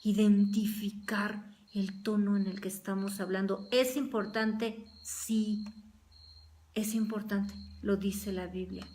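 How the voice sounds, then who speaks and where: A woman's voice: mid-range voice, level tone, slow pace, darkish tone. A woman church teacher leading a Bible study, speaking earnestly and acting out everyday quarrels in quoted voices.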